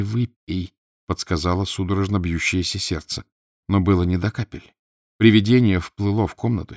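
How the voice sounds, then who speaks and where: A man narrating an audiobook in a measured, dryly ironic way. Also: lowish voice, darkish tone, no room sound, clean studio sound. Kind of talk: scripted narration.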